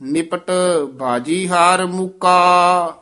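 A man leads a recitation lesson, drawing each verse out very slowly in a high, bright tone. Between lines he drops to quick, quiet remarks on pauses and stresses. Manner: slow drawn-out chanting, brisk quiet asides on pauses and stresses. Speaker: scripture recitation teacher. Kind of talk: chanted scripture recitation with spoken pronunciation tips.

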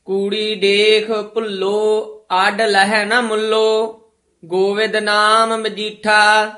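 A reader recites a devotional hymn line by line in a measured, even chant. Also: mid-range voice. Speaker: student reciting scripture.

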